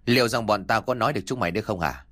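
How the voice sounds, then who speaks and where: A man voicing the cruel, scolding wives of a rich landlord, berating a servant in rapid bursts. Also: big pitch swings, fairly bright tone, husky, full character voice. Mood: shrieking. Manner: shrill, fast berating.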